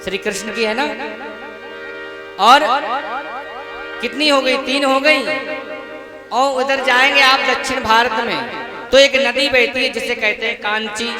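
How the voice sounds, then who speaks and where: A man's voice: very high-pitched, unhurried, pauses often. A man telling a devotional scripture story live, asking the audience questions and chanting verses in between. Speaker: Bhagavata storyteller. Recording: loud music under a live talk.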